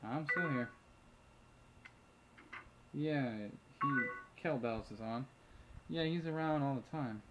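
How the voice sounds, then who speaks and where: Speaking slowly and pausing often, a man with a mid-range voice hosts a let's play, reading chat messages aloud, muttering asides, and swearing freely as he casually commentates the game. Loud music sits behind him, the highs are cut off, and loud keyboard typing and clicking can be heard.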